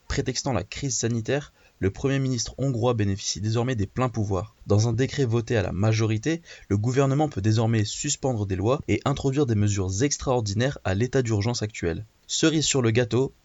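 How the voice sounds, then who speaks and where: A man reading international news items in a measured scripted way. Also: medium pitch, a little mellow, no echo. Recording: dull lo-fi dry recording.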